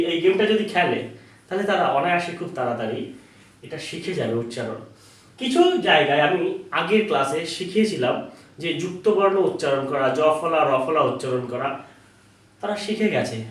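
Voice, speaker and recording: A man with a high voice teaches a children's phonics lesson, chanting letter sounds slowly and repeating them. He sounds far from the microphone, in a strongly echoing room.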